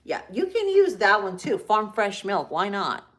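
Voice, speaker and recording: A woman's voice: medium pitch, big pitch swings, measured pace, fairly bright tone. Chatty woman with a Spanish accent. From Central Florida, United States. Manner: chatty and upbeat, greets viewers by name, talks through each step. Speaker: host of a live cooking stream. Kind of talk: casual live cooking demo, chatting with viewers. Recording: echoey room with faint background noise.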